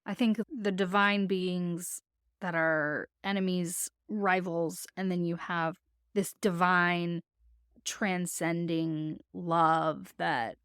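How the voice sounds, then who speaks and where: A woman's voice: lowish voice, steady tone, slow pace, fairly bright tone, clear, resonant tone, no echo, clean studio sound. Tentative woman co-host, hedging. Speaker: book club podcast co-host. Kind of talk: casual book discussion.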